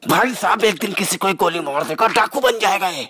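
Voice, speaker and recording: A man's voice: high voice, animated, brisk, bright, forceful tone, slightly rough, full character voice. A man acting an angry father who scolds and threatens in a comedy skit.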